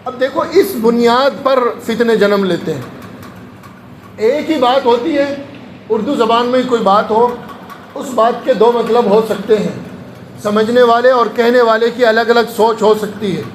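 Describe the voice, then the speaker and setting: High-voiced man preaching in an echoey room. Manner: tells anecdotes, acting out voices of people in them. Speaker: Islamic preacher. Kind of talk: sermon-style storytelling lecture. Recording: echoey room with faint ambient noise.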